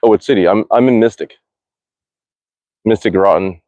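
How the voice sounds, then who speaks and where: Low dark-voiced man rambling on a livestream. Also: moderate pace, no room sound, dull audio. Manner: rambling, restarts often, answers chat comments aloud; mutters curses after bad shots. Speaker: archery livestreamer. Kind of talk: casual live-stream chat. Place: outdoor backyard archery range. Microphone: phone live-stream.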